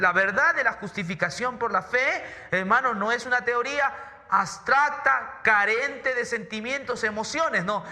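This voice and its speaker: A man's voice: high-pitched, pushed and bright, big-room sound. A man preaching a sermon in church, emphatic, often repeating words and asking rhetorical questions. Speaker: pastor. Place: church hall.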